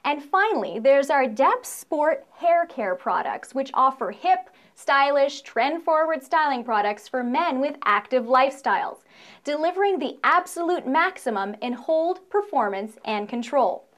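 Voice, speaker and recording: Upbeat high-voiced woman presenter. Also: lively intonation, unhurried. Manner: upbeat, playful, salesy. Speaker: corporate video presenter. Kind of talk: scripted promotional presentation.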